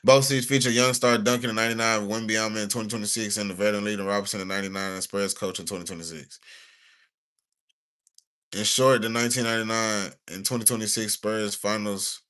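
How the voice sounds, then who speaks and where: Bright-voiced young streamer rambling. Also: male voice, fairly low pitch, fast talker, clean tone. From United States. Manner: rambling, slangy, animated; reads stiffly from notes. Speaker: livestreamer. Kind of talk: casual livestream talk.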